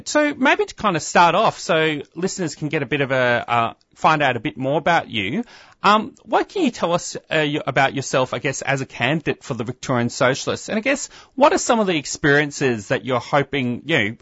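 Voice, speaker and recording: A man's voice: mid-range voice, pushed and bright, no echo, muffled recording. A man hosting a community radio show, introducing a guest hesitantly with many fillers. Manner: hesitant, lots of um and kind of. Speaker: radio host.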